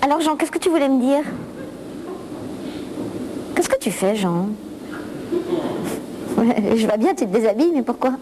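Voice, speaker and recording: A woman's voice: high-pitched, animated, a little slow, pauses often. A woman playing a naive, prim thirty-something woman who protests in flustered shrieks and giggles in a comic sketch monologue. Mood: coaxing. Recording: noisy old VHS tape recording.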